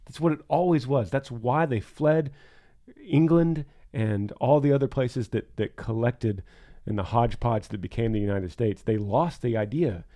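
Speaking at a normal pace, a mellow, medium-pitched man co-hosts a podcast with earnest, emphatic, reflective remarks in a casual style.

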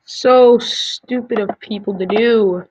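A woman's voice: on the high side, slow pace, a little mellow, breathy edge, muffled recording. A woman YouTuber chatting casually as she answers quiz questions, giving blunt opinions with frequent ums and restarts.

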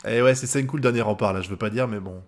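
A man's voice: fairly low pitch, quick pace. A man from France giving live reaction commentary on an anime episode, swearing often and breaking into laughter.

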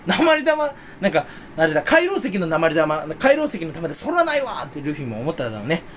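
A young male streamer chats casually on his own, rambling, playful, and self-mocking, and slips into a mock Kansai dialect for quoted bits. His high voice swings widely in pitch, and he talks briskly. A faint ambient hum runs underneath.

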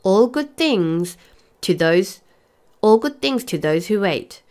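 A woman's voice: lowish voice, animated, normal speed, natural voice. A woman voicing a cocky schoolboy who teases his friends, in a playful manner. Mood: teasing. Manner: playful and teasing.

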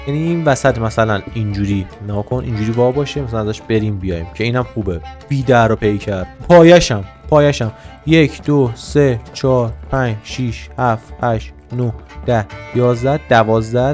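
A man hosting a casual gaming session, narrating his build in an excitable, teasing way and bossing around the creatures in the game. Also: mid-range voice. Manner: excitable, teasing, chatters to the game's animals and villagers. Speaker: gaming channel host. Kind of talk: casual let's-play commentary.

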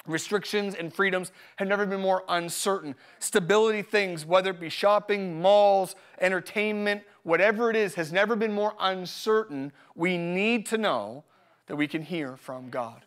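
High-pitched guy pastor preaching live at church, upbeat and jokey, keeps repeating the main point. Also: moderate pace. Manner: energetic, joking, repeats key phrases. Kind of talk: live sermon with personal stories. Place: church service.

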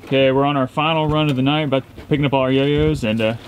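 Hosting a fishing vlog outdoors on a lake at night, a young man speaks fast in a steady mid-range voice, chatty and upbeat as he displays his catches. The casual narration comes with background noise and clearly mixed-in music.

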